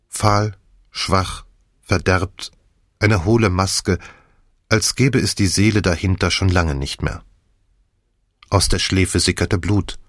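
Deep voiced guy reading an audiobook, even and measured, dead dry sound. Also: no echo. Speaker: audiobook narrator. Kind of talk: scripted audiobook narration.

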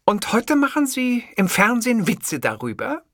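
A man putting on a sharp, impatient young woman reporter, pitched well above his usual voice and sounding bright. She fires off curt, probing questions in an audiobook reading. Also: sing-song, a little fast, no echo, studio quality, exaggerated voice. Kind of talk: audiobook character voice.

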